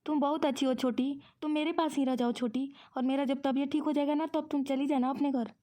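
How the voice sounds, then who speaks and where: A woman's voice: high voice, steady tone, brisk, dark tone, close to an everyday voice. A woman voicing a complaining aging woman who pretends to be forgetful in a cartoon. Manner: complaining, whiny. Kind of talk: cartoon voice acting.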